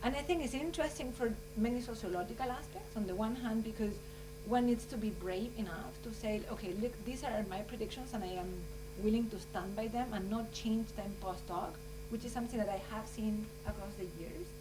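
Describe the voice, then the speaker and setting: A woman's voice: a little high, brisk, hardly any pauses, noisy background. Earnest woman, distant mic. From Chile. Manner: earnest, rambling, full of "you know" and "like". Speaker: scientist speaking at a conference. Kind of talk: informal closing remarks at a conference. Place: conference room.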